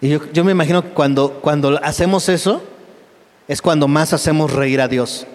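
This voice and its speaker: A male pastor preaching a lively, humorous sermon, often asking the congregation questions. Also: on the high side, normal speed, big-room sound. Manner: lively and humorous, with frequent call-and-response questions.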